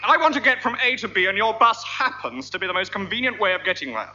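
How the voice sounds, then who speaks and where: A man's voice: high-pitched, sing-song, fast talker, sharp tone, a little hiss or hum. A man playing an indignant, fussy passenger in a radio comedy sketch. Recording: muffled old radio recording with audience.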